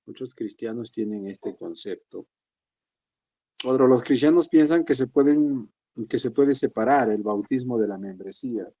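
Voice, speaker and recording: A pastor with a mellow voice, speaking at normal speed in lo-fi sound, leads a church session conversationally, calling the congregation brothers. He acts out believers' excuses in a higher voice.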